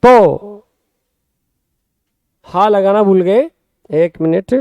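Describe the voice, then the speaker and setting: A man with a very high, smooth, resonant and warm voice teaches Hindi grammar in a Rajasthani accent, spelling words out slowly and repeating them. He often turns to his students with quick questions. The recording is dry and close, with no room sound.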